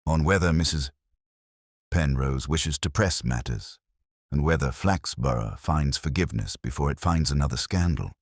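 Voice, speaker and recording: A male narrator plays a shrewd, soft-spoken detective inspector in a mystery audiobook, murmuring each knowing line in a very deep, husky voice at a measured, probing pace. The mood is gently accusing, and the recording is dry with clean studio sound.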